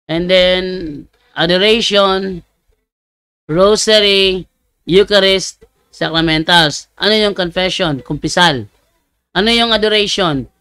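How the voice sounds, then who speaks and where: High, smooth-voiced priest answering questions. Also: male voice, pushed and bright, no echo. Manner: reads viewer messages aloud, then explains plainly. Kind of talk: live question-and-answer show.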